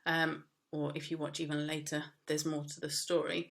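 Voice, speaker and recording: Woman, low voice, teacher, recorded lesson, casual, many fillers. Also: little pitch movement, normal speed, vocal fry, fairly bright tone. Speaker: media studies teacher.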